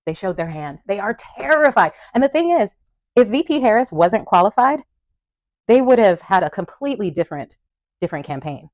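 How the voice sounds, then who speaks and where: A woman's voice: medium pitch, big pitch swings, normal speed, no room sound. A young woman speaking to camera at home, defiant and frank, with bursts of laughter between her points. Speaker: vlogger. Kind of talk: impassioned commentary to camera. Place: room at home in front of a wall of photos.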